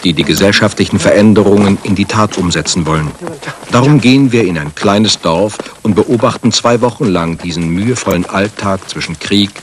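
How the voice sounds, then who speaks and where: A man reading scripted documentary narration in a sober, measured studio voice-over. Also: low voice, slight background noise.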